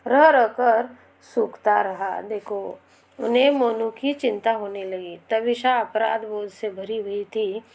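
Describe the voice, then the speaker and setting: A woman's voice: fairly high pitch, vocal fry, a little mellow. A woman teacher who reads a chapter line by line, then patiently repeats and explains each part to her students. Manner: addresses pupils directly, patient.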